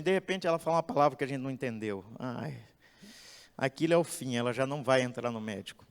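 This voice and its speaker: A man's voice: medium pitch, smooth. A man, preaching animatedly in a church and often asking "entende?". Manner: animated, acts out quotes, asks "entende?". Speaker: pastor giving a talk. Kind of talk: expressive sermon-style lecture. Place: church hall. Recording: echoey church hall.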